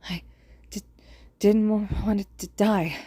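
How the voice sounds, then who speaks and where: A woman voicing a frightened, dying teenage boy who speaks in a raspy, breathy stammer. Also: medium pitch, fairly even intonation, unhurried, dark tone, no room sound, voice pushed up.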